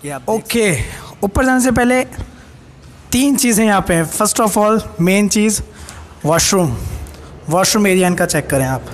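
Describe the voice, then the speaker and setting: A young man from Pakistan giving an excited walking tour of a large gym as a fitness vlogger, filming on a handheld phone. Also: high-pitched, measured pace, long pauses, soft background music. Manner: excited, enthusiastic, mixing in English phrases. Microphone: handheld phone camera. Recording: long hall reverb, faint ambience.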